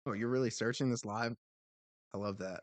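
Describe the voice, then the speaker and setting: A man's voice: on the low side, fairly quick, dry recording. A man co-hosting a podcast in casual chat, self-mocking and skeptical, laughing along with his partner. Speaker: podcast co-host.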